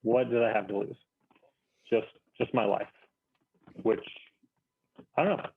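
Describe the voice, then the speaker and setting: Casual male storyteller, halting and drily self-mocking, rough-edged voice, narrow muffled call audio. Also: fairly low pitch. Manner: halting, self-deprecating, wry. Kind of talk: casual anecdote among friends. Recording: thin phone-like call, muffled.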